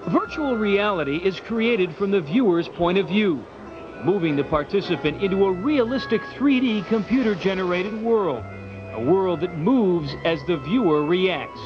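A man TV reporter reading a scripted news voice-over with lively, punchy narration. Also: high voice, moderate pace. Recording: muffled broadcast tape with music.

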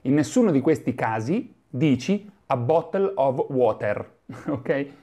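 A man from Italy giving a lively video lesson as an English teacher, demonstrating sounds and chuckling often. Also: mid-range voice, slow, muffled recording.

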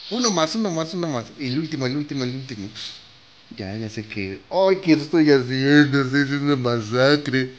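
A young man with a Mexican Spanish accent gives casual, excitable commentary over a mobile game, nervously yelping, groaning and swearing freely as he spends in-game currency. His voice is medium-pitched at a moderate pace, and the muffled recording carries a little hiss or hum.

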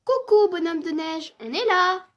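A woman voicing a cheerful little female bear cub in a children's storybook, with a bubbly, lively delivery. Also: very high-pitched, slow, lo-fi sound, exaggerated voice.

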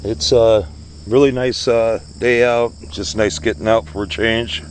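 Slow-talking, low-key man outdoors. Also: fairly even intonation. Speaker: metal detecting hobbyist, vlogger. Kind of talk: casual vlog narration of finds. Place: outdoors, grassy ground by a parking lot. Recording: outdoor ambient noise, faint insects.

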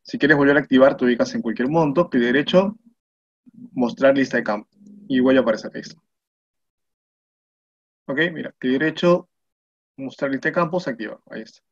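Male instructor, Peruvian Spanish accent, slightly husky voice, muffled lo-fi sound, patient tutorial delivery. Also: medium pitch, brisk, pauses often. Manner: patient step-by-step explaining, asks "¿no?" and "mira" often. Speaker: spreadsheet instructor. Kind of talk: screen-recorded software tutorial. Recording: muffled lo-fi voice recording.

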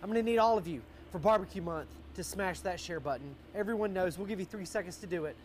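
A man's voice: high-pitched, fast talker. A middle-aged American man hosting a live outdoor cooking show with jolly, hearty, folksy banter. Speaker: host, barbecue cook. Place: outdoor wooden deck. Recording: faint outdoor background noise.

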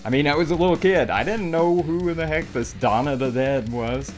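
A man's voice: fairly high pitch, fairly quick. A middle-aged man presenting a video game show casually to camera, with tongue-in-cheek horror-host flourishes. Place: small dark indoor room. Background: guitar music.

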